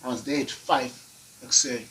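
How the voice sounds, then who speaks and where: A man's voice: medium pitch, fairly even intonation, quick pace, sharp tone. A South African man, a comedian, telling stories casually and animatedly in slangy speech, switching between English and an Nguni language. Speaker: comedian and ventriloquist, guest. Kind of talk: casual comic storytelling.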